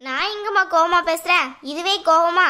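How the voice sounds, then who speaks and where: A woman plays a stern cartoon mother-in-law with a high voice. She lectures and scolds at length in a firm tone. Under the strictness she quietly cares for her daughter-in-law. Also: moderate pace. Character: stern middle-aged mother-in-law, secretly caring. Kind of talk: cartoon voice acting.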